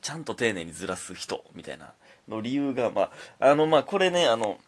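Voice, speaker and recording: A man's voice: mid-range voice, very animated, brisk. A young man with a Kansai accent hosting his own casual solo comedy talk show, telling stories in a laid-back, rambling way. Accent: Kansai Japanese. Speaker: comedian podcast host.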